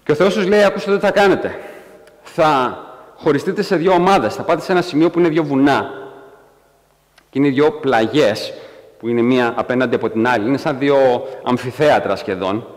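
A man preaching a sermon in a church, animated and acting out quotes in a raised voice. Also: mid-range voice, long reverb tail. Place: church hall.

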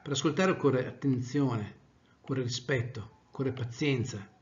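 A male trainer giving an animated lecture, swinging from loud to soft to demonstrate tone. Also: mid-range voice, measured pace, muffled recording. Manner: animated, varies volume widely, demonstrates tones of voice.

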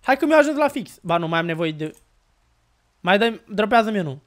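A woman streaming a game live, chatting loudly and casually, teasing and laughing often. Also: mid-range voice, big pitch swings. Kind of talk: casual live gameplay chat.

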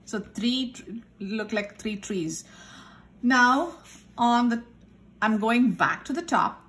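A woman art teacher giving a step-by-step drawing lesson, calmly talking through each step as she draws at a desk. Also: a little high, slow pace. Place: indoors at a desk. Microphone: overhead camera filming the tabletop.

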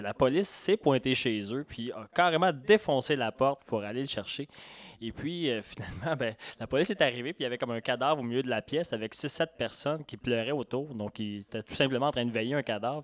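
A man with a Québécois accent hosts a poetry evening at a library café. He rambles through a guest introduction, padding with fillers. His voice sits at a middle pitch, with a dry, close sound. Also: no echo. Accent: Québécois French. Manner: rambling, filler-heavy, chatty. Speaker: event host. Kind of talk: introducing a guest at a live reading.

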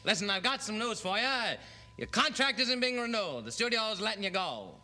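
A man acting in a comedy sketch with brisk, snappy delivery. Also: high voice, lively intonation, bright, forceful tone, exaggerated voice.

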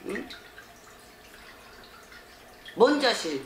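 A woman's voice: on the high side, sing-song, drawn-out words, echoey room, a little hiss or hum. A woman shaman fortune teller bluntly counseling a client, scolding her and pressing with rhetorical questions.

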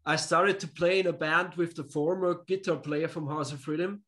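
Speaking from a room at home with pictures hanging behind him, this Austrian man joins a video call as a musician guest for a laid-back interview. His pitch is a little high, his pace is normal, and his non-native English stays simple and relaxed.

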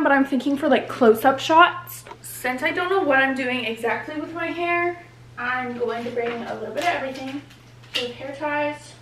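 A woman's voice: sits high, reverberant, a little hiss or hum. A young woman in her twenties chatting casually to her vlog camera, bubbly and full of filler words. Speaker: vlogger. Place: her mom's house, indoors. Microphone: handheld vlog camera.

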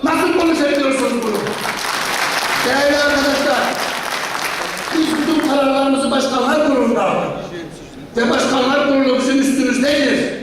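A woman with a very high voice speaks combatively to an assembly in a fiery convention style. She fires off indignant rhetorical questions and repeats key phrases. The sound is distant, ringing around a large hall. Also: steady tone, fairly quick, long pauses, a crowd in the background. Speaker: professional association leader addressing an assembly. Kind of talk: impassioned political-style convention speech. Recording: echoey hall, distant mic, noisy.

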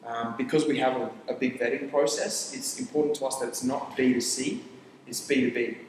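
Sitting on an armchair studio set, a young Tok Pisin-speaking founder from Papua New Guinea talks loosely about his startup in an interview. His medium-pitched voice stays fairly even as he restarts phrases and races through lists, with slight background noise and a long, echoey reverb.

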